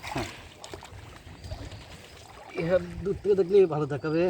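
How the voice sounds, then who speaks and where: A man's voice: fairly high pitch, normal speed, warm tone, a little hiss or hum. A man from Bangladesh, talking casually outdoors by the water while he fishes and tells the camera person where to stand. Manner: directs the camera person while handling a net. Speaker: fishing vlogger.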